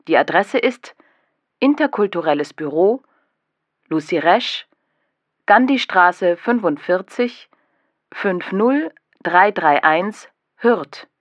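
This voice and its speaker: A woman calling and leaving a message on an answering machine, reading out numbers slowly and clearly. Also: medium pitch, dry recording. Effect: message left on an answering machine. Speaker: caller. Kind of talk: scripted voicemail message. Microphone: telephone. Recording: dull lo-fi answering machine tape.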